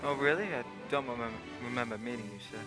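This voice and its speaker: A man playing a genial, courteous middle-aged gentleman doctor in a radio play, polite in an old-fashioned way. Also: medium pitch, fast talker, soft background music, close to an everyday voice. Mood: mild.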